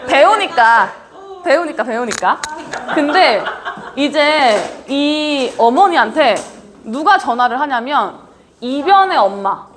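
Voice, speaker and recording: A woman's voice: sits high, slow pace, a little hiss or hum. A woman lecturer giving a leadership training talk, casually quizzing her audience again and again. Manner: lively, quizzes the audience often; casual, talks down-to-earth with students.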